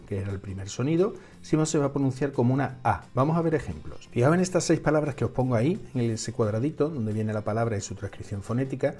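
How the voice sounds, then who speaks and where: A man's voice: medium pitch, warm tone, slightly rough. A man with a Peninsular Spanish accent, teaching English pronunciation in a patient, step-by-step way, repeating each example word. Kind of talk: scripted lesson.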